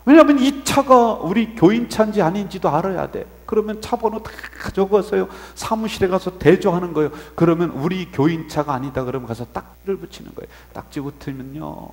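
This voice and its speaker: A male pastor preaching a sermon, telling stories animatedly, swinging from soft asides to loud exclamations. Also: high voice, fairly quick, few pauses, long reverb tail. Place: church sanctuary.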